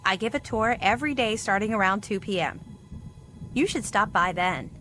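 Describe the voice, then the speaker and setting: An actress voices a friendly, earnest woman in a video game who proudly runs a small museum, and her dialogue sounds warm and welcoming. Her voice is medium in pitch with lively intonation, a moderate pace and a sharp tone, over a faint hiss or hum.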